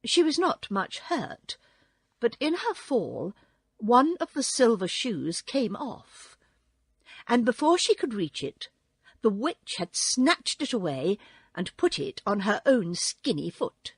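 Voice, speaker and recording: A woman reading a classic children's book aloud in a slow, expressive storytelling way. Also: fairly high pitch, husky, dry recording, studio quality.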